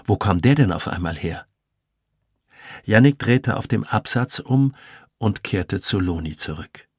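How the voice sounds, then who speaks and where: Slow, low-voiced male audiobook narrator. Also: animated, breathy edge, no room sound, studio quality. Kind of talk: scripted narration.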